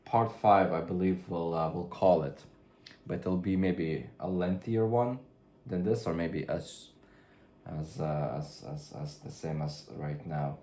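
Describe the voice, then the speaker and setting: A man talking through his drawing work in a rambling way, now and then yelling toward a camera set far away. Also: sits low, measured pace, slight background noise. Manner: musing, trails off, then loud mock drill-sergeant yelling. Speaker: artist narrating his drawing process. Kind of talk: rambling studio commentary. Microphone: far camera mic. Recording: echoey room from far off.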